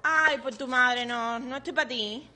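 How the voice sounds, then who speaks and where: An actress playing a defiant, sharp-tongued teenage girl who answers back. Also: sits high, unhurried, over music. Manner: cheeky, retorting, defiant.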